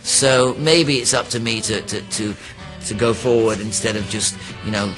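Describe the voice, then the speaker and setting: A man's voice: lowish voice, moderate pace, low-quality recording. A man in an interview, speaking bluntly and reflectively with some fillers. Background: music.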